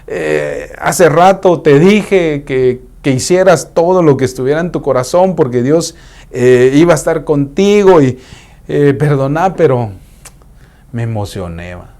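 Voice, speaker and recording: Profeta avergonzado y titubeante, como lo actúa un predicador, acento centroamericano. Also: male voice, on the high side, expressive, darkish tone. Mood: sheepish. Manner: hesitant, sheepish, halting. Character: ashamed male prophet apologizing to king.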